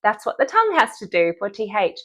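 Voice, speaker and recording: An upbeat woman, a speech-language pathologist, explains animal-themed cues for teaching children speech sounds. She talks at an easy mid pitch and acts out each sound as she goes. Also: wildly swooping pitch, fast. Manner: upbeat, demonstrates sounds and gestures. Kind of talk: explaining therapy cues to parents and therapists.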